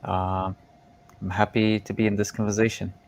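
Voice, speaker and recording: Very deep, monotone man. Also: normal speed. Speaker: translator, commentator.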